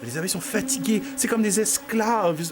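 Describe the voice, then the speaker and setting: A man's voice: high voice, normal speed. A man with a Québécois accent telling an improvised story to children, playful and talking straight to his young listeners. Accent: Québécois French. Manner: animated, playful, talks to the children directly.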